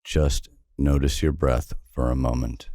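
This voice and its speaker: Extremely low in pitch, a man's voice guides listeners through sleep hypnosis at an unhurried, calm, soothing pace, leaving long pauses. The recording is clean studio sound without echo.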